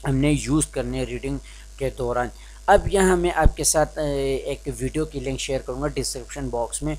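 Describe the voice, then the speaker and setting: A man's voice: mid-range voice, a little mellow. Young guy from pakistan teaching reading skills, lots of restarts, drops english phrases in. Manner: hesitant, many restarts, slips into English phrases. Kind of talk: informal spoken lesson.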